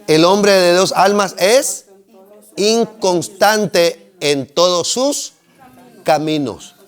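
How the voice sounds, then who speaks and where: A man's voice: high-pitched, drawn-out words, smooth. A man teaching a seminary preaching workshop, joking with the class and asking them questions. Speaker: homiletics teacher.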